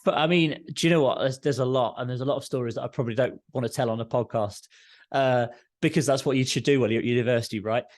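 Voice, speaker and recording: A man's voice: mid-range voice, fast talker, dry recording, studio quality. A man in his thirties with a southern English Home Counties accent, chatting informally and discursively as an interview guest. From Surrey, southern England. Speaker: podcast guest, tech and audio entrepreneur. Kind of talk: casual interview chat.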